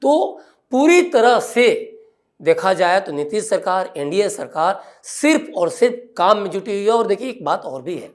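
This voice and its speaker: A male political commentator on a television news panel. He argues emphatically, piling up points and rhetorical questions in a pointed, forceful delivery. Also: sits high, very animated, moderate pace.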